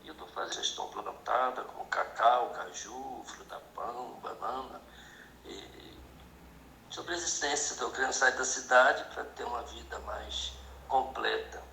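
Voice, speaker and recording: A man from Bahia with a Bahian accent, talking calmly in an online meeting. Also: medium pitch, normal speed, creaky, roomy sound, a little hiss or hum, rough recording. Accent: Bahian Brazilian Portuguese. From Bahia, Brazil. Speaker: meeting participant.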